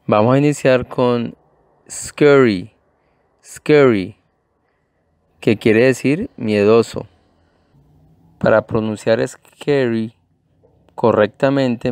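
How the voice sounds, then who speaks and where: A man gives a pronunciation lesson, saying each word twice and walking through it slowly and patiently. His voice is smooth and clear. The sound is dry and close, with no room around it. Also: medium pitch, darkish tone, no room sound. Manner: slow, patient, spells out and repeats each word. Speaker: English teacher. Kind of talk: pronunciation lesson for Spanish speakers.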